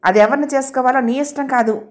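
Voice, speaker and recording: A woman's voice: high-pitched, quick pace, a little mellow, natural voice. Stern angry father, as a woman reads him. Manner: harsh, commanding.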